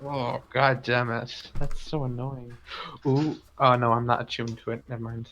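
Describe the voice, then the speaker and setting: Bright-voiced, sweary male tabletop player. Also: mid-range voice, level tone, normal speed, slight background noise. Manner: blunt, sweary. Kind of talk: casual game chat.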